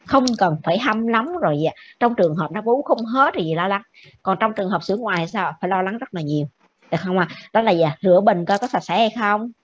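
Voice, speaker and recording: Brisk woman teacher lecturing. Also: medium pitch, lively intonation. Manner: brisk, keeps checking with the class. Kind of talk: classroom lecture. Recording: dull lo-fi with faint noise.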